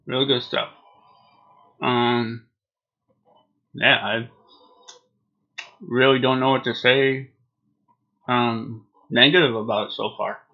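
Male reviewer, 40s, middle-pitched, slow, easygoing and halting delivery, muffled lo-fi home recording. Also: flat delivery. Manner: laid-back, hesitant, trailing phrases. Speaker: product reviewer. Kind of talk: casual unscripted video review. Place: small home room, indoors. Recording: dull lo-fi webcam sound.

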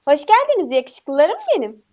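An actress plays a chatty younger sister in a radio play, familiar in manner. The voice is high, on a slightly muffled recording. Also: female voice, big pitch swings, normal speed, a little mellow. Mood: teasing, fond. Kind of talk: Turkish radio theatre acting. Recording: slightly dull, lo-fi sound.

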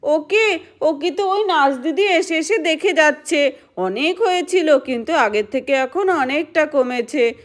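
A woman's voice: high voice, lively intonation, normal speed. Woman voicing a fretful gossipy village mother. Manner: complaining, gossipy.

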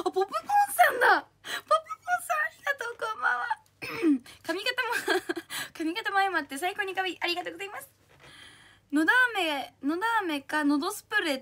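A very high, bright young woman hosts a livestream, bubbly and cutesy, thanking her commenters one by one. A light colours her words, and her throat sounds a touch husky from strain. She talks close to the mic, indoors. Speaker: idol livestream host. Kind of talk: casual livestream chat reading comments.

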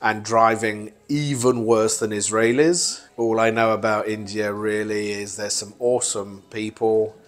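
A man's voice: on the low side, steady tone, measured pace, hardly any pauses. A man, sharing wry, joking opinions at home. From London, England. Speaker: interviewee. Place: home room.

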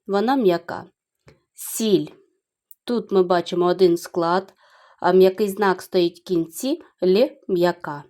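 A middle-aged woman teaching young children in a video lesson, explaining slowly and carefully, syllable by syllable. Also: on the low side, mellow. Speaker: primary school teacher.

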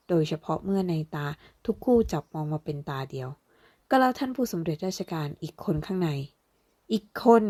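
A woman narrating a fantasy novel aloud, slowing down as she voices the characters. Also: lowish voice, dark tone. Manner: voices characters with slow, deliberate delivery. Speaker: audiobook narrator. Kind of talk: dramatic novel reading.

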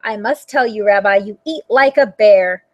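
A woman's voice: mid-range voice, moderate pace, a little mellow, dry recording, dull audio, natural voice. A woman voicing a sweet, frail, very old woman who is hard of hearing, cheerfully fussing over a guest in a storybook. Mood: cheery. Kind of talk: storybook character voice.

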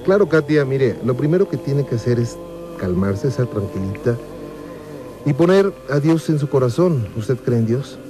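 A man hosting a radio call-in show, soothing a caller and urging calm. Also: mid-range voice, normal speed, music in the background. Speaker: radio host.

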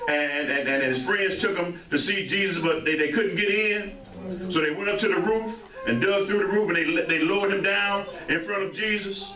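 A man's voice: sits high, moderate pace, sharp tone. A man with a St. preaching a sermon, joking with the congregation and calling out amens. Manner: joking, call-and-response with many amens. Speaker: pastor. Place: church sanctuary. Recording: echoey church hall, mic far off, congregation audible.

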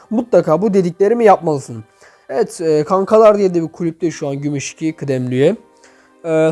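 A man's voice: high-pitched, dark tone. A young man reviewing game accounts in chatty commentary, talking straight to his viewers, his voice echoing off a half-emptied room. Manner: chatty, addresses viewers directly and often. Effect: echoey voice from a half-emptied room. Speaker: gaming YouTuber reviewing player accounts. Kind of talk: casual commentary over gameplay.

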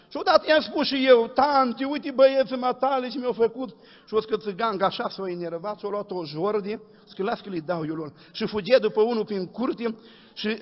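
A man preaching a sermon, telling stories and acting out the dialogue in folksy speech. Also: extremely high pitch. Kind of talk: sermon with anecdotes. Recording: dull echoey hall recording.

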